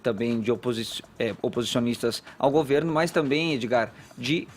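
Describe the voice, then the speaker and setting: Brazilian radio reporter, mid-pitched, measured, reads quotes on air. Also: male voice, fairly even intonation. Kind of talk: news report reading quotes.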